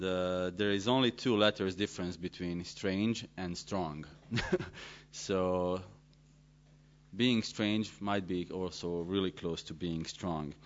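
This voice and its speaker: A man pastor from Serbia, giving a joking, self-deprecating conference talk in halting English. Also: deep voice. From Serbia (former Yugoslavia). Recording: dull lo-fi sound.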